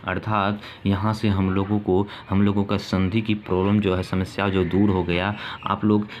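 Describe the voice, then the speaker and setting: A man's voice: low-pitched, little pitch movement, moderate pace. A male teacher giving a grammar lesson, repeating his points and asking questions that he answers himself. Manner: repetitive, asks questions and answers them himself. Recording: dull lo-fi sound with faint ambient noise.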